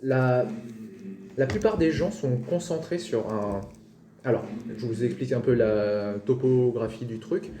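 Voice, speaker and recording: A man's voice: mid-range voice, measured pace, dark tone. A man running a tabletop game as game master, improvising narration and often searching for words. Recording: roomy with faint noise.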